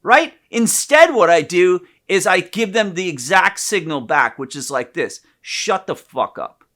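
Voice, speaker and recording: A man co-hosting a candid conversation about relationships, talking in an animated, profane way with loud bursts of emphasis. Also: high-pitched, a little slow. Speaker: podcast co-host, therapist.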